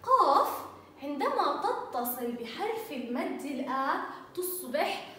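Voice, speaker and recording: A woman teaching a first-grade Arabic lesson to young children, encouraging them with sing-song praise and drawn-out letter sounds. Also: high voice, big pitch swings, sharp tone. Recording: echoey, distant mic, faint noise.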